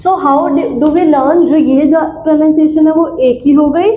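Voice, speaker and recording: A woman teaching a classroom lesson, drilling each letter sound slowly and repeating it. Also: high voice, steady tone. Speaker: language teacher. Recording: tinny, echoey room with faint hum.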